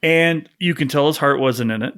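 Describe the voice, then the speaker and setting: A man co-hosting a movie review podcast, chatting casually with animated, joking delivery. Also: a little high, normal speed, clean tone. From United States. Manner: animated, jokey, slips into mock voices. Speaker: podcast co-host.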